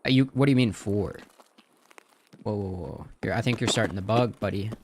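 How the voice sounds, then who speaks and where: A man's voice: on the low side, fairly quick, a little hiss or hum. A man talking casually as a livestream host, in a slangy, profane frat-bro manner.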